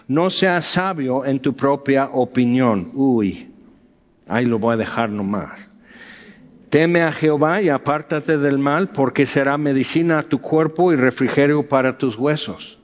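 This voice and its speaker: A man teaching from the Bible in a casual, joking way, full of fillers and asides. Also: medium pitch. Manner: conversational, joking, with many fillers. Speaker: preacher. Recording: dull sound with long reverb.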